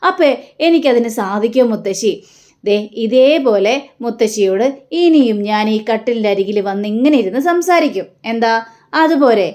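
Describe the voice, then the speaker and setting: Woman, fairly high voice, casual recap narrator who relays each character's lines without acting them out. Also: darkish tone. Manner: retells dialogue in quotes without changing voice much. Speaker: serial episode recapper. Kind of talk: storytelling recap of a TV serial, voicing the lines.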